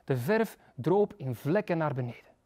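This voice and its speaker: A man with a Flemish accent reading a children's story aloud in a lively, playful way in a historic library reading room. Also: a little high, moderate pace. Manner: lively, playful, voices characters. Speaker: storybook reader, literature lecturer.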